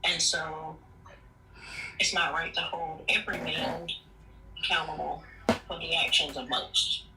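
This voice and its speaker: A woman's voice: low voice, level tone, a little slow, sharp tone. A woman calling into a live stream, her voice muffled as if heard through a wall, disagreeing hesitantly but politely. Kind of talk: casual debate. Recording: muffled, roomy, distant call audio with faint noise.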